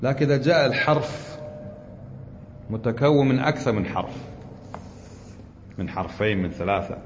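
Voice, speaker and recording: A man's voice: medium pitch, lively intonation, normal speed, a little hiss or hum. A man teaching a classroom grammar lesson, patiently quizzing his students and repeating the rules.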